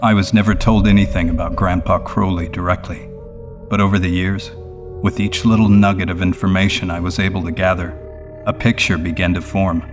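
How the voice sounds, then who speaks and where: A man reading a scripted first-person horror story in a grave, measured storytelling manner. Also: low-pitched, flat delivery. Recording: prominent music behind the voice. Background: music.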